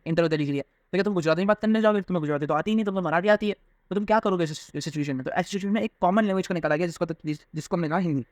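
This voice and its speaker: A young male teacher works through a textbook chapter with a slightly raised voice. He reads English lines slowly and carefully, then rushes through explanations in casual Hindi and speaks straight to his students. The sound is dry and close, with no room around it. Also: sits high, no echo. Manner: mixes Hindi and English, addresses students directly.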